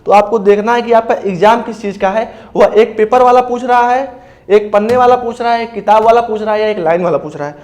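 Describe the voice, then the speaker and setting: Man, high-pitched, casual exam coaching, step-by-step explanations. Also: fairly quick, darkish tone. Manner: explains step by step, often says "ठीक है भैया". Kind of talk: casual spoken advice talk.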